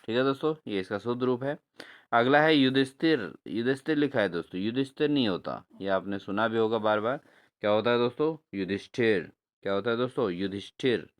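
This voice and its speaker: A man teaching a spelling lesson for exams, repeating each answer back to his viewers and spelling words out slowly syllable by syllable. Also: medium pitch, animated. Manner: repeats answers as questions to viewers, addresses them as friends. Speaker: exam-prep teacher. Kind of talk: spelling lesson for exam prep.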